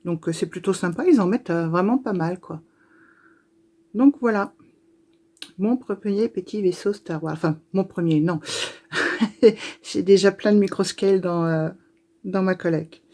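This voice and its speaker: A woman chatting casually to her viewers as she unboxes things, talking with many pauses, fillers and restarts. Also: lowish voice, warm tone. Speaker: YouTuber opening advent calendars. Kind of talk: casual unboxing chat to camera.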